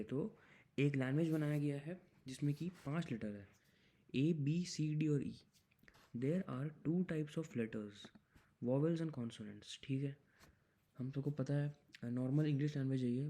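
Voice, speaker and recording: Young male coding tutor, mellow and warm tone, patient step-by-step explainer mixing English into Hindi. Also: mid-range voice. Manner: explains step by step, mixes English into Hindi, reads problem text aloud slowly. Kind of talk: screen-recorded coding explanation.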